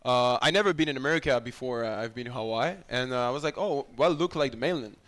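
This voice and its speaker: French-accented young man, lively speech. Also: medium pitch, fast talker. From France. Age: young adult. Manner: animated, laughing, broken English. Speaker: college volleyball player guest. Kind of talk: casual interview chat. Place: restaurant livestream.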